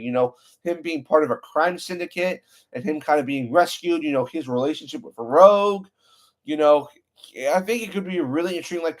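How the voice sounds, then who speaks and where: Man, channel host, casual movie chat, enthusiastic, rambling, filler-heavy, fairly high voice. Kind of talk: casual movie review talk.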